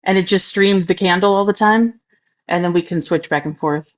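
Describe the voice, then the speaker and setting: A woman co-hosting a live stream, relaxed as she talks through her camera and laptop setup. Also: on the low side, normal speed, highs cut off. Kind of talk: casual live-stream chat.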